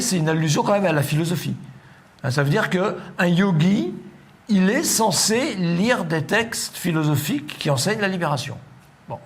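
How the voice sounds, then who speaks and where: A middle-aged man with a rather high-pitched voice delivers a philosophy lecture to a seated audience. He explains patiently, circling back with hesitations and little asides to check that listeners follow. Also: vocal fry.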